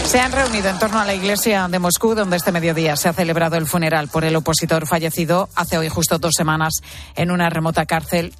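A woman with an accent from Spain presenting scripted radio news. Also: on the low side. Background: music bed.

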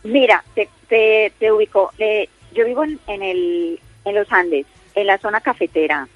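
A middle-aged woman, born in Colombia and speaking with a Spain Spanish accent, phones in for a casual, talkative chat packed with fillers and restarts. She speaks unhurriedly at medium pitch; the dull lo-fi line has no room sound, though faint music plays behind her.

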